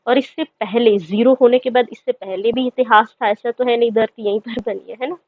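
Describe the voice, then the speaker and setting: A woman's voice: on the high side, steady tone, a little fast, no room sound. Woman, 30s, teacher explaining lesson step by step; tinny lo-fi sound. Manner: explains step by step, checks in with "ठीक है". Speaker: history teacher. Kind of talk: lecture reading English text and explaining in Hindi. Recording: dry, tinny phone-like sound.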